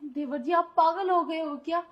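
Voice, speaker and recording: A woman's voice: very high voice, moderate pace, dull audio. A woman voicing an indignant young wife in an audio drama, who scolds and protests sharply at her pushy brother-in-law. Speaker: voice actor. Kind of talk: Hindi audio drama acting.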